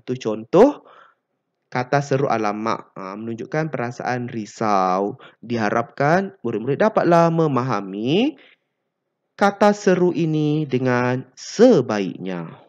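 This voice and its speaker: Slow, lively-toned teacher. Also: medium pitch, lo-fi sound. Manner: slow and deliberate, many drawn-out "ah" fillers, acts out example phrases. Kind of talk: reading a language lesson to pupils.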